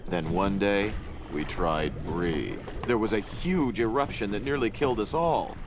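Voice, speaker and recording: An actor playing a polite, officious cannibal islander in a comic adventure game, speaking deadpan like a tour guide. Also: male voice, fairly low pitch, a little slow, noisy background, close to an everyday voice. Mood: earnest storytelling. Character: civil, polite male cannibal islander villager with modern tastes.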